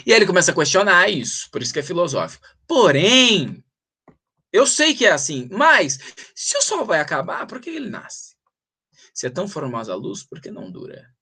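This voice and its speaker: A man's voice: high-pitched, slightly rough. A middle-aged man with a Brazilian accent teaching a literature lesson, reading verse aloud and drawing out syllables as he counts the meter. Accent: Brazilian Portuguese. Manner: animated, drawn-out syllables when reading verse. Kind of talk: literature lesson for exam prep.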